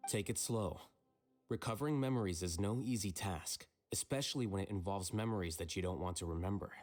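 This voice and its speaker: A man playing a calm, level-headed young scholar in a game, speaking in a measured, composed way. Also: low-pitched, faint music behind, lightly acted. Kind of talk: scripted game voice acting.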